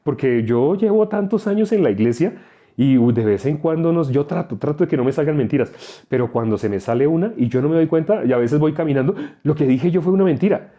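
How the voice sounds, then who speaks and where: A man's voice: fairly high pitch, animated, fairly quick, mellow, muffled recording, lightly acted. A man voicing an anxious longtime churchgoer who frets about telling small lies. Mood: fretful. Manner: fretful and pleading.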